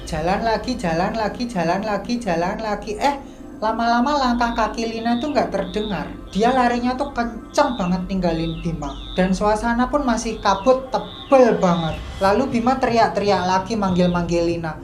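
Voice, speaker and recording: A woman's voice: mid-range voice, moderate pace, darkish tone. A woman casually telling a mystical mountain story, chatty and full of slang and sound effects. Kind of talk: casual spoken horror storytelling. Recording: echoey room, faint music.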